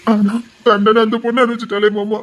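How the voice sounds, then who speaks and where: A man's voice: very high-pitched, fast, a bit bright, muffled recording. A man playing a remorseful young man who pleads in a choked, sobbing voice.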